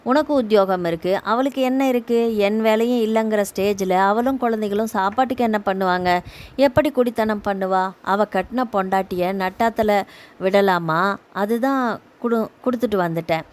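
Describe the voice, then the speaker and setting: A woman's voice: medium pitch, moderate pace, a little mellow, close to an everyday voice. A woman narrator voicing a middle-aged husband torn between two homes, speaking in a soothing, pleading way. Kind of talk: audio novel reading.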